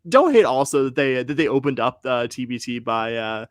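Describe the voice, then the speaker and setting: A man's voice: mid-range voice, lively intonation, normal speed, no echo. Casting note: male podcast co-host, casual rambling delivery, dry close sound. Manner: rambling, frequent fillers and self-corrections. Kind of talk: casual sports podcast chat.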